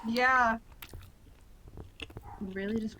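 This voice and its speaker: A woman's voice: on the high side, steady tone, pushed and bright, a little hiss or hum. A woman chatting and teasing her friend during a live book reading. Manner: teasing, slow, drawn-out remarks. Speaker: friend co-streaming. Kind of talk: casual teasing chat.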